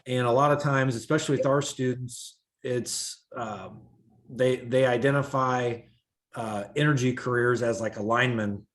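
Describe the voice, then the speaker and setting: A man giving a school board report over a video call, his volume rising and dipping unevenly, with halting pauses and fillers. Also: mid-range voice, fairly even intonation.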